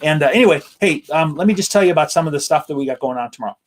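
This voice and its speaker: A man's voice: fairly high pitch, rapid-fire. An American man hosting a casual, enthusiastic live-stream chat outdoors in a backyard. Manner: upbeat, enthusiastic. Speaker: host.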